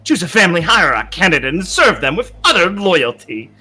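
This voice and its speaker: A man's voice: sits high, sing-song, a little fast, sharp tone, husky, faint music behind, exaggerated voice. A man voicing a contemptuous retainer from a video game in a formal, disdainful, declamatory manner. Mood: scornful. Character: contemptuous retainer sneering at a pampered young master. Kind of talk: reading video game dialogue in character.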